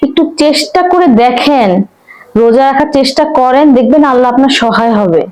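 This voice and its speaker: A woman's voice: sits high, expressive, normal speed, darkish tone, poor audio. A woman playing a pious wife, speaking earnestly and imploringly in a short film drama. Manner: earnest, pleading, respectful.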